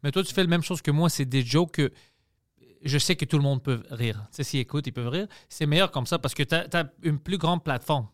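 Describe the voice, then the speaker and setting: A man with a strong Greek accent hosting a podcast, talking animatedly in halting phrases and swearing freely. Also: on the high side, no echo, studio quality. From Greece. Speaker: podcast host. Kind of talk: casual podcast chat.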